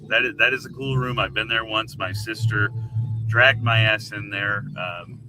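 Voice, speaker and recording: A man's voice: lowish voice, steady tone, normal speed, a loud crowd. A man hosting a radio show, chatting casually with a guest in a laid-back, laughing way and swearing freely. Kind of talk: casual interview chat. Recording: noisy background.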